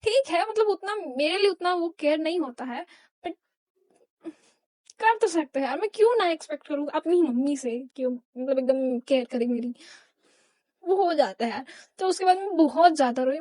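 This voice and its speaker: A woman's voice: high-pitched, darkish tone, no echo. A young woman vlogger telling a personal story in an emotional, rambling, confessional way. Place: home.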